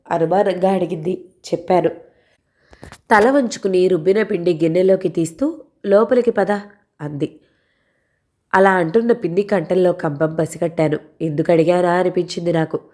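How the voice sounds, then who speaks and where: A woman narrating a first-person audio story in a steady, measured storytelling voice. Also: on the low side.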